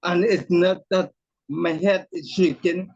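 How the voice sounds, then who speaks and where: A man with a tremor in his voice tells his story with slow, deliberate care. His tone sits a little high and raspy. The sound comes through a dull, lo-fi video call. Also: steady tone, a little mellow, no echo. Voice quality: voice shakes from throat muscle tremor. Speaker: author guest. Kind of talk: personal testimony in an interview. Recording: muffled lo-fi call audio.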